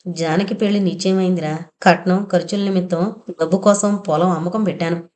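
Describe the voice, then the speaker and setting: A sick old father, full of sorrow, pleads in a low, mellow voice, as a woman narrator reads his part. His lines in this audio novel are heavy and weary. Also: fairly even intonation, fairly quick, natural voice. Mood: sorrowful. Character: ailing elderly father, grieving and anxious.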